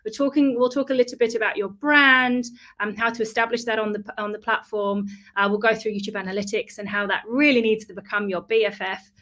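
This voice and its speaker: A woman's voice: on the high side, steady tone, fairly quick, a bit bright. A woman from the Netherlands presenting in an online webinar, fluent and friendly with frequent ums. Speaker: YouTube partner manager presenting.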